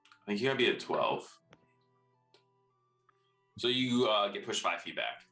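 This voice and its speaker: A man with a very deep, bright voice casually plays a tabletop role-playing game. He thinks aloud as he calls out moves. The room is echoey. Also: expressive, unhurried. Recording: roomy echo, faint music behind.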